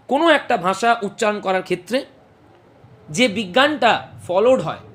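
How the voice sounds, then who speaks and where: A woman teaching a phonetics class, explaining patiently, repeating and sounding out each speech sound and checking that students follow. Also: a little high. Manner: checks understanding with questions. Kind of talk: classroom lecture mixing Bengali and English.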